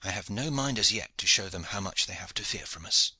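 A composed medieval knight leading men in battle, read by a man. He gives his orders quietly and evenly, with a cheerful calm, in a very bright, dry, low-pitched voice. Storybook reading. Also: brisk, husky, no echo, full character voice. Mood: quiet command.

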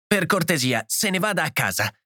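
A man voicing an enraged housewife who shouts an unwelcome guest out of her home. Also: lively intonation, brisk, no room sound, clean studio sound. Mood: furious. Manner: shrill, shouting.

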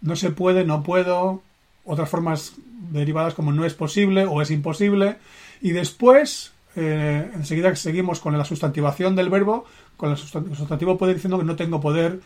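Earnest Spanish-man, slightly high voice. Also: darkish tone. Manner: earnest, emphatic, with deliberate slow phrasing. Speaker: personal development coach. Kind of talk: motivational live stream talk.

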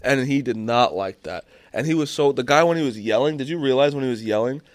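A man's voice: mid-range voice, animated, fast talker, dry recording. Rambling, swearing young man telling a story. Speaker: podcast host. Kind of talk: casual chat.

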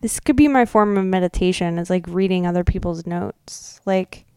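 A woman with a lowish, slightly mellow, clean voice talks at normal speed in a dry, studio-quality recording. As a podcast co-host, she chats casually and reads old notes aloud dramatically, often saying "like" and "you know."

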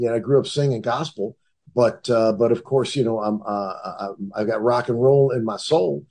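A man's voice: medium pitch, warm tone. A middle-aged man from the Cleveland and Detroit area, telling his own story in a casual, rambling way with many restarts.

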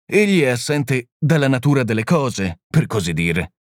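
A man reading the part of a small, gentle priest-detective who explains things calmly and patiently. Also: medium pitch, moderate pace, dry recording, clean studio sound, pitched above the performer's own voice, lightly acted. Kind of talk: audiobook reading.

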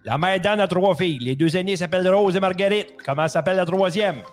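A goofy, stammering male quiz host, put on by a man. The voice sits a little high and trips over nearly every word. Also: brisk, faint music behind, lightly acted. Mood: playful. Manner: stammers and repeats words constantly. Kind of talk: comic radio bit.

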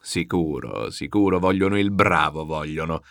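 A man's voice: very deep voice, animated, moderate pace, a bit bright, dry recording, clean studio sound, full character voice. A man doing a hearty, laughing old general. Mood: jovial, laughing. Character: jovial, boisterous old general, laughing loudly.

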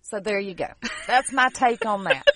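A woman's voice: mid-range voice, moderate pace, sharp tone. A woman casually telling a history story on a podcast, reading out dates from her notes and adding sarcastic jokes. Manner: jokey, with sarcastic asides; reads out dates and figures from notes. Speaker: podcast co-host presenting history.

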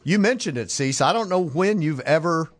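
A man hosting a sports radio talk show, easygoing and quick with short replies. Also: fairly high pitch, expressive, a little hiss or hum. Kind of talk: casual radio chat. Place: radio studio.

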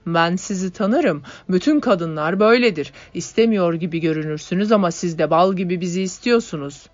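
A woman's voice: lowish voice, a little fast, dry recording, lightly acted. A woman voicing a pushy young man who insists and dominates, in a dull lo-fi audiobook recording. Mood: insistent.

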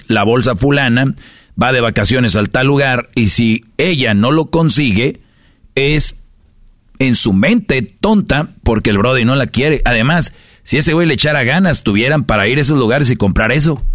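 A man's voice: mid-range voice, fairly bright tone, no room sound, studio quality. A man with a Mexican Spanish accent hosting a casual podcast, lecturing his listeners with rhetorical questions. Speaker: podcast host.

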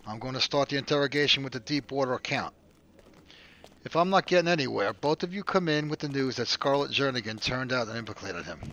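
A hard-pressing male interrogator who commands rather than asks, as a man plays him. His voice carries a gravelly rasp. The recording sounds dull and lo-fi. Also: mid-range voice, lively intonation, fast, bright, forceful tone. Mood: briefing. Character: tough male defense force interrogator. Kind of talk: amateur audio drama acting.

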